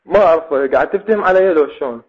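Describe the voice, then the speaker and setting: A man with an Iraqi Arabic accent and a husky voice talking over the phone as a prank caller, stammering and repeating himself with mock-earnest questions. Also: fairly high pitch, very fast. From Iraq. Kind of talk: phone call, speaking over the phone. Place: on a phone line. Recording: dull lo-fi phone call.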